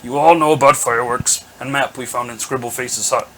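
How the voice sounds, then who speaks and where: A man voicing a boastful male goblin chieftain who booms his orders in broken, grandiose grammar. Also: fairly even intonation, brisk, a bit bright, a little hiss or hum, natural voice, low-quality recording. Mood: commanding. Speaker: game master voicing a character.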